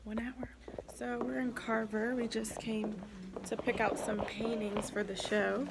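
A woman's voice: a little high, flat delivery, unhurried, gravelly, heavy background noise. A woman in her twenties chatting casually in a vlog, full of fillers like "um" and "like". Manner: chatty, filler-heavy, drops to a whisper on set. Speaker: vlogger and producer. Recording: music playing underneath.

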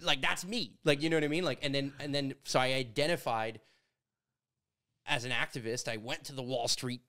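Animated Canadian man in podcast studio. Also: mid-range voice, a little fast. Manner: animated, gesturing storyteller. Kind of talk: casual conversation. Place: studio with brick walls. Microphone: studio mic on boom arm.

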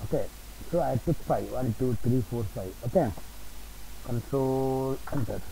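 A man presents an unscripted software tutorial at a middling pitch, dictating each entry and keystroke word by word. His voice is very dark and soft-edged. Faint noise sits behind him in a homemade screen recording. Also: animated, normal speed, vocal fry, rough recording.

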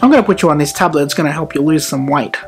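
A brusque, dismissive doctor, voiced by a man in a comedy sketch. He rushes through his lines curtly and waves the patient off. Faint music sits under the voice. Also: a little high, animated, lightly acted. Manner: quick, curt.

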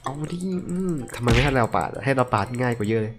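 A young man casually commentating web games as he plays them, excitable and joking, often swearing at himself. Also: medium pitch, fast talker, over music. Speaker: gaming channel host.

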